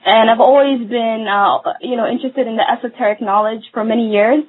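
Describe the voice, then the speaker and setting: A woman's voice: fairly high pitch, steady tone, fairly quick. A woman from Somalia, a holistic nutritionist, guest hosting live radio for the first time and speaking hesitantly with many fillers. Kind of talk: casual live radio talk. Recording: tinny phone-like line.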